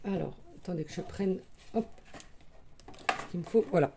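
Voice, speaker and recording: A woman with a lowish, fry-tinged voice hosts a craft tutorial at a normal speed, with background noise audible. She chats casually while handling and showing her materials, filling gaps with lots of little "euh"s and "voilà"s.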